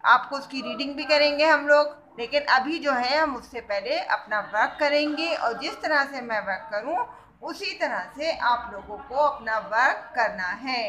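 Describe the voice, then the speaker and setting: A woman's voice: high-pitched, measured pace, bright, forceful tone, slight background noise. A woman teacher, patiently explaining a kindergarten writing lesson, spelling out letters and asking questions.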